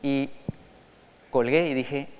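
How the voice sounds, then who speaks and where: A man giving a lively conference talk to an audience, asking them questions and slipping into English for quotes. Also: medium pitch, takes it slowly, a little hiss or hum. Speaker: conference speaker. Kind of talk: lecture to an audience. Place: large auditorium. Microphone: microphone. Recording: long hall reverb in an auditorium.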